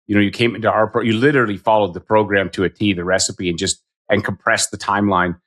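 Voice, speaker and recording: Quick chatty guy, 50s, kinda low voice, jokes at his own expense. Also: flat delivery, a bit bright. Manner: chatty, self-deprecating, rambling questions. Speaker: podcast host. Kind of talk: casual interview.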